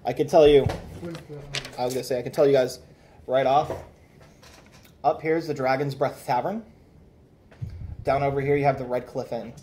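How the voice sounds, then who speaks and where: A man's voice: medium pitch, level tone, normal speed, pauses often, dark tone, a little hiss or hum. A man narrating a tabletop role-playing game as game master, casual and loose, with fillers and laughter.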